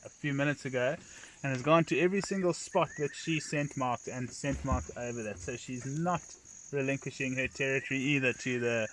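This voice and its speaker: A man gives live wildlife commentary as a safari guide, in measured, hesitant phrasing. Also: mid-range voice, steady tone, a bit bright. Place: outdoors at night in a safari vehicle. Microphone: cell phone. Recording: noisy outdoor phone livestream, insects, vehicle.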